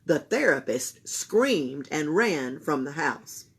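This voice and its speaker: A woman reading a children's story aloud, expressive and emphatic, with deliberate phrasing. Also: low voice, breathy edge. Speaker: library storytime reader. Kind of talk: animated children's read-aloud.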